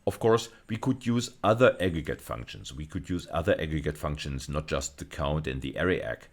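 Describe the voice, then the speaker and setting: A university lecturer with an exceptionally deep, expressive voice gives an instructional lecture. He speaks deliberately and emphatically, frequently repeating or rephrasing a phrase as he explains.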